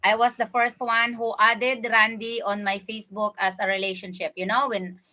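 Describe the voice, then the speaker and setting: A slightly high, sharp-toned voice with flat delivery and normal pace belongs to a woman from the Philippines. She talks with viewers in a casual eating livestream, laughing often in her Filipino accent, using a computer webcam mic.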